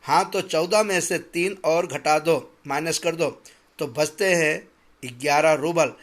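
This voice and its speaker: A stern, calculating master of the house who tallies every coin aloud and lectures with heavy, deliberate emphasis, as a man voices him while reading a school story. His voice sits a little high for a man and turns sharp and stammering when his anger boils over. The figure is drawn plainly, close to the reader's own voice. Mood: mock-reasonable. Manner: pedantic, then shouting and stammering in anger.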